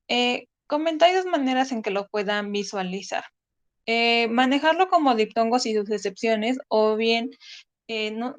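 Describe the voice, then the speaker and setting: A woman with a Mexican Spanish accent teaches an online lesson, her voice pitched somewhat high. She explains step by step in a patient manner, stopping often on "eh". The recording is close and dry, with no room sound. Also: dry recording. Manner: patient, explanatory, with frequent "eh" fillers. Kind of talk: online class lecture.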